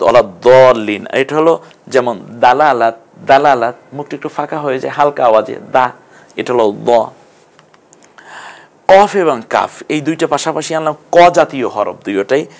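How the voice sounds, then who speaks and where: Man teaching Quran letter sounds. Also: medium pitch. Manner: slow, drawn-out letter sounds for learners to repeat. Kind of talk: online Quran pronunciation class.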